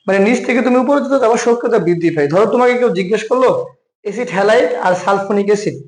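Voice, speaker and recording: Fast, high-voiced Bangladeshi Bengali man tutoring. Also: echoey room, poor audio. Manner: quizzes listener then answers himself; addresses viewer as brother. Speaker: chemistry tutor. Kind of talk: exam-prep lecture.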